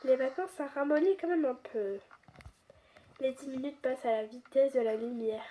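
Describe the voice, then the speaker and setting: High-voiced woman reading a story. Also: moderate pace, dark tone, slight background noise. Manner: chatty narration with restarts and asides. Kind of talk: first-person story reading.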